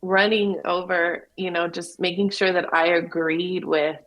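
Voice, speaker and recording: A woman singer answering as a guest in a casual radio interview, relaxed and a little halting. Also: lowish voice, poor audio.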